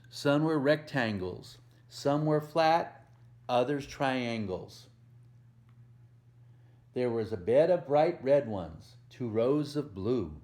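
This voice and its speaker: The speaker is a man reading a picture book to little kids as a volunteer, offering gentle explanations and simple questions to whoever's listening. His voice falls in the mid-range.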